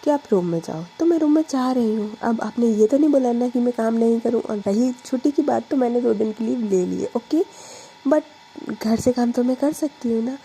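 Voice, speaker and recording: A woman's voice: fairly high pitch, fairly quick, dark tone, breathy edge, soft background music, poor audio. A woman voicing a stubborn young working woman who answers back defiantly in a storytelling reading. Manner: defiant, sulky.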